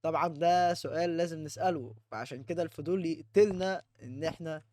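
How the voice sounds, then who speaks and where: Swinging from quiet mutters to frightened shouts, a young man with an Egyptian Arabic accent gives humorous let's-play commentary on a horror game as a gaming YouTuber. His voice is on the high side and quick, over a noisy background.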